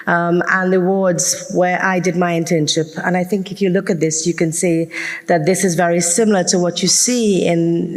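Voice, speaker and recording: A woman in her fifties from Trinidad and Tobago giving a conference keynote as a consultant physician, measured and dotted with ums. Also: lowish voice. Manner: measured lecturing with frequent ums. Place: large lecture hall. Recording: long reverb of a conference hall.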